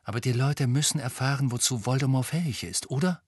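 A man's voice: mid-range voice, brisk, a little mellow, slightly rough, dry recording, clean studio sound, pitched above the performer's own voice, lightly acted. A man reading an audiobook, voicing an indignant, flustered teenage boy wizard who stammers when upset. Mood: earnest.

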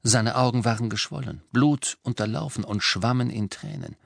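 A man narrating an audiobook in a measured, even storytelling manner. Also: mid-range voice, vocal fry, no echo. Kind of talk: scripted narration.

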